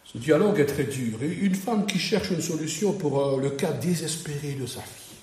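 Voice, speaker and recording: A man's voice: a little high, normal speed, darkish tone, reverberant, far from the mic. A man preaching a sermon, reading a Bible passage and then talking it over in a conversational way with rhetorical questions.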